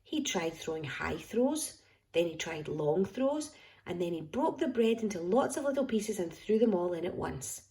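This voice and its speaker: A woman reading a picture book aloud to a child, expressive and affectionate, dropping at times into hushed whispers. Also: fairly low pitch, moderate pace. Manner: affectionate toward listener. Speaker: storyteller.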